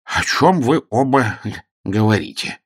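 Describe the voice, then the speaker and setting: A man voicing a vague, mild elderly earl who speaks softly and hesitantly in an audiobook. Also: medium pitch, lively intonation, husky, no room sound, clean studio sound, pitched above the performer's own voice. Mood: bewildered. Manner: soft hesitant slow.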